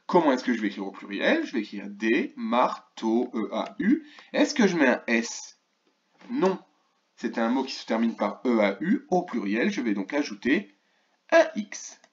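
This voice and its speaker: A man teaching a remote lesson to first graders, slowly and clearly sounding out words and asking the class questions. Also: medium pitch, big pitch swings, lo-fi sound. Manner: slow, clearly articulated, stretches key words; asks questions of an absent class. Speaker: primary school teacher.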